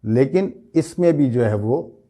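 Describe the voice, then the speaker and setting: A man giving a pronunciation lesson, slow and deliberate, stretching out the words he demonstrates and asking rhetorical questions. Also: medium pitch, lively intonation, dark tone. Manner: explanatory, asking rhetorical questions and checking with "right?". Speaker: English teacher.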